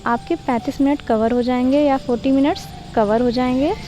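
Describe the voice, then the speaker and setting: High, mellow-voiced woman tutor. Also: fairly even intonation, faint music behind, low-quality recording. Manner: mixes Hindi and English, reads quoted English lines slowly. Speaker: teacher-training tutor. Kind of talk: explaining a lesson plan to students. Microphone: voice-over for screen slides.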